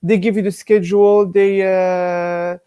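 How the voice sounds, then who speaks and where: A man's voice: high-pitched, little pitch movement, measured pace, dark tone, clean tone, highs cut off. A young man from Morocco, an engineering student answering interview questions hesitantly, with many fillers.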